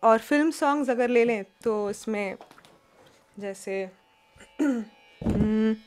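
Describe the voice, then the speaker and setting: A woman's voice: a little high, unhurried, clean tone. A woman teaching music in a webinar, explaining in Hindi and English and singing demonstration syllables and song lines. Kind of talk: webinar lesson with sung examples. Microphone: video call.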